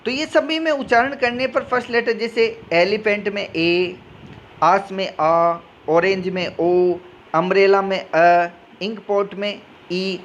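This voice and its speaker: A man's voice: sits high, steady tone, slow pace, lo-fi sound, slight background noise. Rajasthani male teacher explaining grammar. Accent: Rajasthani Hindi. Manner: explains step by step, asks and answers his own questions; switches between reading English rules and explaining in Hindi.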